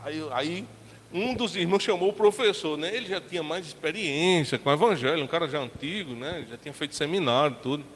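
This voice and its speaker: Brazilian pastor, chatty storytelling sermon. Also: male voice, on the high side, a little fast, fairly bright tone. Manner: colloquial, chatty storytelling with acted-out quotes. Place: church sanctuary. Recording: long church hall reverb, faint background hiss.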